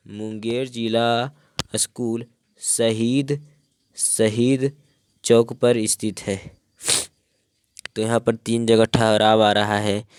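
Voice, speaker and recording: A man's voice: lowish voice, a little mellow, smooth, dry recording, studio quality. A male teacher giving a grammar lesson, saying each phrase twice as if for dictation.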